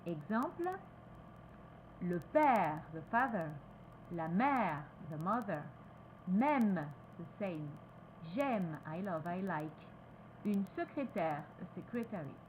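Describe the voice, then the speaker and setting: Teacher, female, French accent, very slow and deliberate, lively pitch, faint room noise. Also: poor audio. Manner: repeats each word slowly, switches between French and English. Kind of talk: slow, careful pronunciation lesson.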